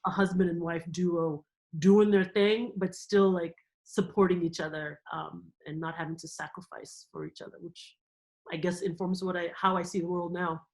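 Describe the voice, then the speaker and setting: A woman from Cameroon, a guest in an interview, telling stories in a lively, animated way and laughing often. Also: lowish voice, normal speed, low-quality recording. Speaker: guest, theme park company executive. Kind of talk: conversational interview.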